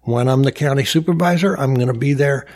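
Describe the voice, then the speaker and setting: A man with a husky, slightly breathy voice, answering interview questions as a local politician. He sounds proud and upbeat, stacking up achievements with plenty of uh and restarts. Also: mid-range voice, fairly quick, a little mellow. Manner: upbeat, boastful, frequent uh fillers. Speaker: mayor and county supervisor candidate.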